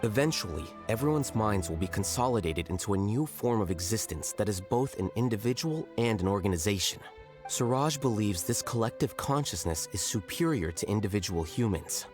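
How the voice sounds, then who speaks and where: An actor playing a composed, blunt scholar in a video game, explaining in a measured, didactic manner. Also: male voice, on the low side, lively intonation, a little mellow, faint music behind, close to an everyday voice. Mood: explanatory. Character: cool, analytical male scholar, composed and blunt. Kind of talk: video game dialogue acting.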